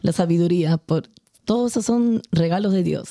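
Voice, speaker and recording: A woman reading a scripture passage in measured phrases, then joining the conversation. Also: lowish voice, warm tone, no room sound, studio quality. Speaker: scripture reader and co-host.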